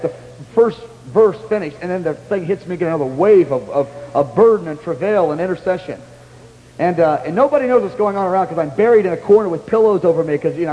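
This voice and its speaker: Man, high voice, animated sermon testimony, excited exclamations, echoey hall. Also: muffled recording. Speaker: pastor.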